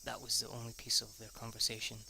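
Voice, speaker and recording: Fast and monotone, a man with a mid-range, creaky voice and a sharp tone narrates a visual novel aloud as an amateur let's player, with slight background noise. He often stumbles over words and rereads lines, and swears casually in his off-the-cuff reactions.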